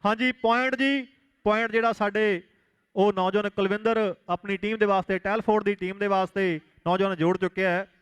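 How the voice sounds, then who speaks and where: Clear, high-voiced kabaddi announcer, male. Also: steady tone, brisk, no echo, highs cut off. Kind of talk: live sports commentary and announcements.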